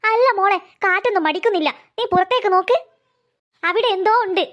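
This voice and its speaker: A woman's voice: very high voice, brisk, a bit bright. A woman doing a jumpy cartoon grandmother. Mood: fearful. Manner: anxious, insistent. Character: fearful old grandmother, easily spooked. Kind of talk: cartoon voice acting.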